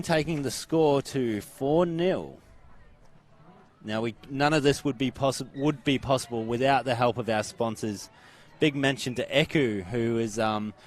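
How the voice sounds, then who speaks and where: An Australian man calls a junior sports match live from an outdoor ground. His voice sits at a middle pitch, and he keeps an upbeat tone as he runs through players' numbers and names. He often hands over to his co-commentator. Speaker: play-by-play commentator.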